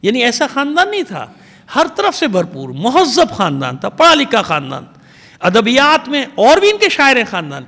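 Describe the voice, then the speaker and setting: A man's voice: extremely high pitch, wildly swooping pitch, sharp tone. A man, a religious scholar, giving an emphatic, digressive sermon lecture and pleading with his listeners. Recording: long hall reverb.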